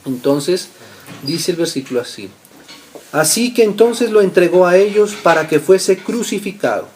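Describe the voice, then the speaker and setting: A man preaching in a fairly high voice, reading scripture loudly and then dropping to soft asides. He keeps checking in with his congregation by asking "right?". A faint background noise sits under the recording. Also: lively intonation, moderate pace. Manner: reads scripture aloud, asks listeners "¿cierto?" often; swings between loud readings and soft asides. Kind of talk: Bible teaching.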